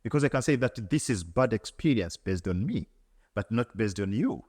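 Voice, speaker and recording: A man's voice: on the low side, lively intonation, moderate pace, darkish tone, breathy edge, long reverb tail. A man from Tanzania, answering as an interview guest in an earnest, reflective way, often repeating words and restarting.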